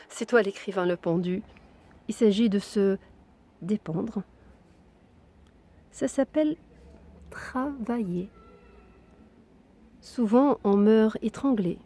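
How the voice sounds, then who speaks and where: A woman giving an expressive, intimate reading of a literary text, her voice sometimes dropping to a whisper. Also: mid-range voice. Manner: hushed, intimate delivery that drops into whispers.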